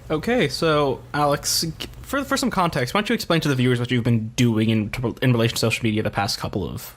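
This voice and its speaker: A man's voice: medium pitch, expressive, fast, faint music behind. A young man co-hosting a podcast, playful and jokey in casual chat, steering topics along. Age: young adult. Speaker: podcast co-host.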